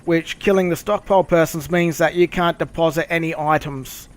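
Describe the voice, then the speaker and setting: A man streaming a game, chatting casually and explaining things with swearing and halting pauses. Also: a little high, fairly even intonation. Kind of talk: casual gameplay commentary and chat.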